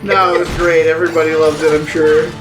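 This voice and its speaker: A man's voice: a little high, level tone, fast talker. A man co-hosting a let's play, joking dryly and sarcastically in casual chat. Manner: dry, sarcastic humor, swears. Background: faint game music.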